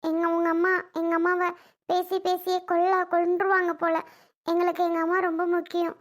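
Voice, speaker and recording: A woman playing a young daughter who defends her mother with sharp, pleading insistence in a family drama skit. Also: very high-pitched, completely flat delivery, moderate pace. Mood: angry, pleading.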